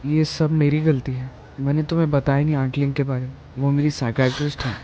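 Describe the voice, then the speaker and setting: A man dubbing a quiet, serious teenage boy in a TV drama, speaking in a calm, reserved way. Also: mid-range voice, fast, highs cut off, slight background noise, natural voice. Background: background music.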